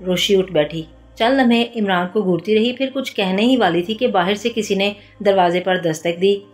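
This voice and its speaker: A woman narrating a detective novel as an audiobook in a steady storytelling voice, with music behind her. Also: mid-range voice, moderate pace. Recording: soft background music.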